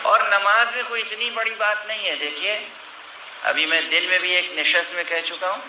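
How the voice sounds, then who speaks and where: A man's voice: high voice, sharp tone. A man preaching a sermon to a gathering, explaining points emphatically and breaking into scolding outbursts. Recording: echoey hall from far off with noise.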